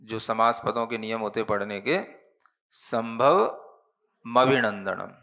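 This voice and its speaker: Speaking slowly and patiently, a Jain monk explains Prakrit grammar to his class and keeps checking comprehension with "है ना?". His voice is on the low side, flat in delivery and sharp in tone.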